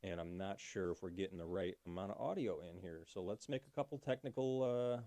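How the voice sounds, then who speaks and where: A man's voice: low voice, fairly quick, dark tone, no room sound. A man hosting a casual livestream, chatty, thanking viewers by name and talking through fixing his audio. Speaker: livestream host.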